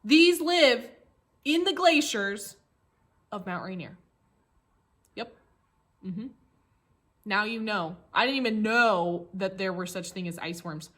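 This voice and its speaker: An American woman, an elementary school teacher, leads a read-along tracing lesson for young children, explaining simply with repetition. She is animated, using playful, exaggerated surprise and rhetorical questions. Her mid-range voice is slow, with frequent pauses.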